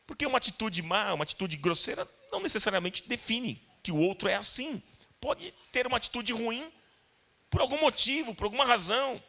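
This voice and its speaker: A Brazilian pastor delivering a sermon, a man with a Brazilian Portuguese accent. His voice sits high and bright, and his pitch swings widely as he repeats key points and turns to address the congregation. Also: lively intonation, fairly quick. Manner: earnest, repetitive, addresses congregation directly. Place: church.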